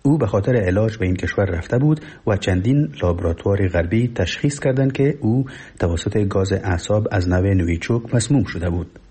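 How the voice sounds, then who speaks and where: A male radio newsreader with an Afghan Dari accent reads a report formally and solemnly. His voice is low, mellow and noticeably husky. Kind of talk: scripted radio news report.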